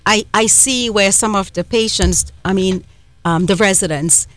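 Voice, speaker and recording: With a medium-pitched voice and a slightly slow delivery, a middle-aged Trinidadian woman in a Trinidadian accent co-hosts a talk radio program. Her casual, wandering storytelling is warm and full of fillers and restarts. There's no echo.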